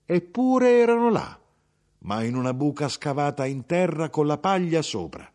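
A man reading aloud voices an older Sicilian mother who is brisk, proud and sharp-tongued, lifting his voice for her. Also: natural voice. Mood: matter-of-fact. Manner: animated, raised pitch for the mother's lines.

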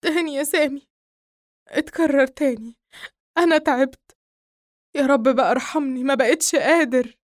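A woman reads a young Egyptian man shaken by a recurring nightmare. He cries and pleads in a high, strained voice. The recording is dry and close. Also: fairly quick, a bit bright, smooth, no echo. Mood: sobbing panic. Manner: panicked screaming and sobbing after waking. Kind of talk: audiobook dialogue reading.

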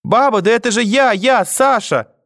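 A man's voice: very high-pitched, normal speed, a bit bright, no echo, studio quality, voice pushed up. A man doing a terrified little boy. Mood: frightened. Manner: panicked pleading. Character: terrified young boy pleading with grandmother.

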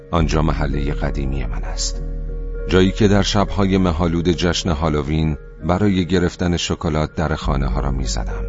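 A man narrating an audiobook in a calm, reflective first-person voice. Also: a bass voice. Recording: muffled audiobook recording with faint music.

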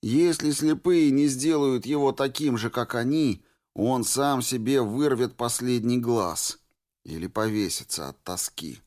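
A man playing a tired, grim deserter who speaks curtly and flatly. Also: medium pitch, unhurried, voice pushed up, natural voice. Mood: weary. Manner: tired, flat and curt. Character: weary, grim male deserter from the zone.

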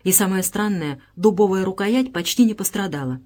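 A woman reads an audiobook aloud as its narrator. Her delivery is measured and even, as in a scripted storybook reading. Her voice sits at a middle pitch for a woman.

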